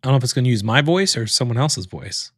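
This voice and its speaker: A man's voice: mid-range voice, animated, quick pace, a bit bright, breathy edge, dry recording, studio quality. A man hosting a casual livestream, thinking aloud as he clicks through a tool, with loose fillers and restarts. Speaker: livestream host demoing software.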